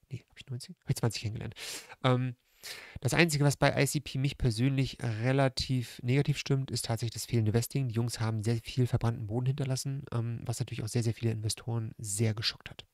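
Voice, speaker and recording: A man's voice: medium pitch, darkish tone, dry recording. A man in his thirties with a pressed, subdued, strangled-sounding voice, chatting casually as a livestream host and answering comments into a close desk microphone. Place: room at home by a large window. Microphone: close desk microphone on a stand.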